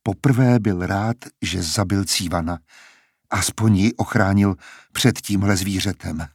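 A man narrating an audiobook in a measured, even storytelling manner. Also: deep voice, breathy edge, no echo, studio quality. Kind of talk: scripted narration.

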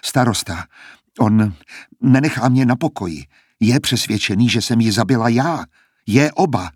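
A man's voice: medium pitch, expressive, breathy edge, no echo, studio quality. A man reading aloud, voicing a frightened young woman singer who is anxious and pleading.

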